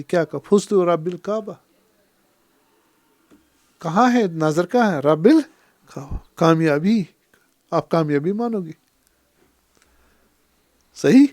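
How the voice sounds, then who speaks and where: A man with a Kashmiri accent giving a religious lecture as a scholar, who teaches by putting questions to his listeners and recites Arabic quotations slowly. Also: fairly high pitch, darkish tone, no echo, studio quality. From Pakistan. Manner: explains by asking the audience questions. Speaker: Islamic scholar.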